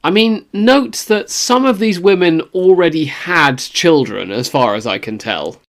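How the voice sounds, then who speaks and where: A man's voice: a little high, lively intonation, unhurried. A man co-hosting a podcast who reacts to the story in casual chat with wry, sarcastic quips. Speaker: podcast co-host.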